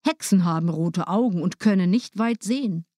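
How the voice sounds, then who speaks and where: A woman reading a fairy tale aloud, in a lively, expressive way. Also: lowish voice, normal speed, dry recording, studio quality. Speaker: storyteller.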